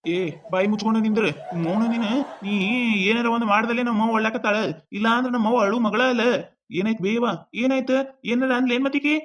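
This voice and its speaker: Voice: mid-range voice, fairly even intonation, quick pace, lightly acted. Someone voicing a scolding village husband. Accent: North Karnataka Kannada. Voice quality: scolding, bossy tone. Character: young village husband and son, gruff and quick to scold. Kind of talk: cartoon comedy voice acting.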